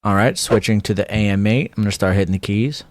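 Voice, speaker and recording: A man giving a relaxed, step-by-step review of a streaming microphone at his desk, speaking about three inches from a dynamic mic. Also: fairly low pitch, quick pace, no room sound, clean studio sound. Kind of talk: casual product review. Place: desk streaming setup, indoors. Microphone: studio dynamic mic about three inches away.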